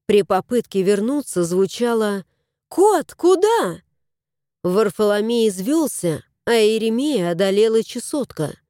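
Lady reading a fairy tale aloud, warm mellow voice, bouncy pitch, dry close sound. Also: normal speed, hardly any pauses, dry recording. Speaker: narrator. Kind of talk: storybook reading.

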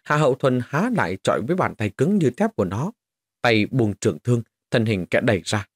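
A man's voice: medium pitch, big pitch swings, fairly quick, slightly rough, dry recording, clean studio sound. A man narrating a fantasy novel as an audiobook, telling the story expressively.

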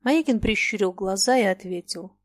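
A woman's voice: medium pitch, normal speed, no echo. Woman narrating a classic novel, dry. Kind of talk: audiobook reading of a classic novel.

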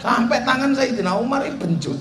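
A man with a very high-pitched voice delivers a humorous sermon at a fast clip, telling a story and acting out the dialogue in an animated, joking way. The recording has the echo of a hall along with crowd noise.

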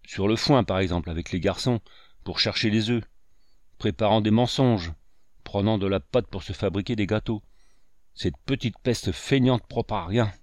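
A man reading aloud and voicing a sharp-tongued old grandmother who scolds in a shrill tone. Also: moderate pace, no echo, clean studio sound, lightly acted. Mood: scolding.

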